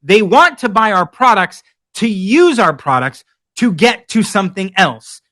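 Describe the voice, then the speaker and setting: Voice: medium pitch, very animated, a little slow, a bit bright. A conference speaker telling a vivid second-person story, acting out quotes and repeating phrases for emphasis. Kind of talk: storytelling keynote talk.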